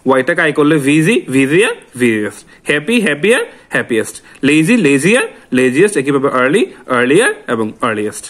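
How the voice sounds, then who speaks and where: A man teaches a grammar lesson, asking the class questions and answering them himself. He drills word forms slowly, one after another. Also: fairly high pitch, sing-song, a bit bright.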